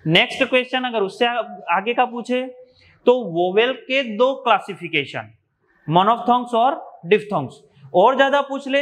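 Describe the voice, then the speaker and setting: Male teacher from India, high voice, methodical and repetitive. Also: a bit bright. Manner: explains step by step, repeats key terms. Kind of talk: exam revision lecture.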